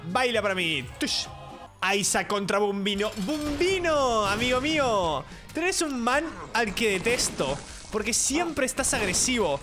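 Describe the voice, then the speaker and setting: A man's voice: sits high, bright, forceful tone. A man giving playful, theatrical gameplay commentary and talking to the characters in the game. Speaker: gaming YouTuber.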